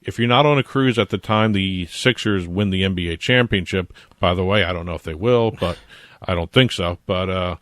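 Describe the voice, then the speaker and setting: A man with a New Jersey accent talks casually as a podcast co-host, his voice sitting very low. He explains things at length, full of "uh" and "you know". The sound is dry and close. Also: moderate pace, fairly bright tone, dry recording. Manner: explains at length, chatty with fillers. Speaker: co-host, trademark attorney.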